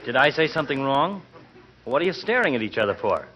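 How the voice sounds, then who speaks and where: An actor playing a sardonic, bombastic middle-aged doctor in 1940s radio comedy, wordy and pompous. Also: male voice, mid-range voice, big pitch swings, quick pace, breathy edge. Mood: smug. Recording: muffled old radio broadcast.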